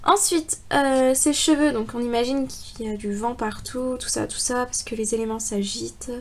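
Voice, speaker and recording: A young woman with a high voice talks through her handmade model in a relaxed, chatty way. She leans on fillers and breaks into small giggles as she explains each part. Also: moderate pace, a little hiss or hum. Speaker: hobby crafter presenting a contest entry. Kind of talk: casual video presentation.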